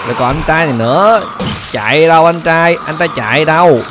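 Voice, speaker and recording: A man's voice: a little high, fairly quick, background noise. A man giving chatty gameplay commentary, constantly addressing his viewers. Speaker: gaming YouTuber.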